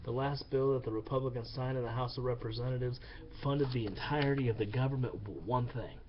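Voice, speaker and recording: A man's voice: medium pitch, steady tone, brisk, noisy background. Angry man ranting, lo-fi recording. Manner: profane, heated, repeats himself. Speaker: vlogger. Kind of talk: angry political rant.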